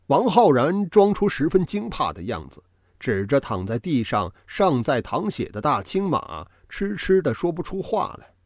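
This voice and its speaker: A male storyteller reads a novel aloud with dramatic, expressive flair. His pitch swings widely as the tension builds and falls. The recording is dry and close, with no room echo. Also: normal speed. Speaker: audiobook narrator. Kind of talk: scripted storytelling narration.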